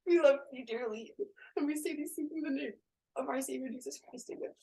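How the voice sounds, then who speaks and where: A woman's voice: sits high, brisk, dark tone, far from the mic, poor audio. A woman leading a public prayer, emotional and near tears. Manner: emotional, earnest. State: tearful.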